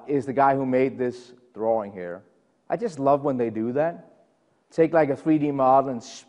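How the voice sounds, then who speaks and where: Presenting a technical session in a conference room, a middle-aged Danish-accented man from Denmark chats casually, filling gaps with fillers and self-mocking asides. His mid-range voice has a darkish tone, and the muffled recording carries a long reverb tail.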